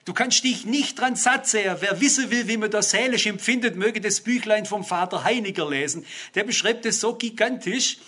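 Addressing his congregation head-on, an older preacher delivers an emphatic sermon that climbs into exclamations. His voice is high-pitched, sharp in tone, and slightly rough.

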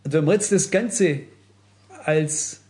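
A man preaches with earnest, direct appeals to his listeners. His voice sits a little higher than most men's. He keeps turning to the congregation as he explains his point. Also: takes it slowly, dark tone. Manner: earnest, addresses listeners directly, frequent "wisst ihr". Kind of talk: sermon.

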